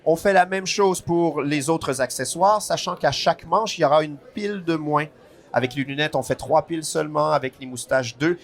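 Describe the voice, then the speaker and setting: A man's voice: fairly high pitch, normal speed. A man at a game festival stand, patiently walking someone through the rules of a board game step by step, with the odd dry joke. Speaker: board game publisher guest.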